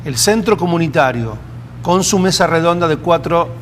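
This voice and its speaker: A man whose first language is Hebrew, speaking as a community-building expert, thoughtful and pausing with fillers. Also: fairly high pitch, animated, slight background noise. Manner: thoughtful, hesitant fillers, practical examples. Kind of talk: reflective interview answers.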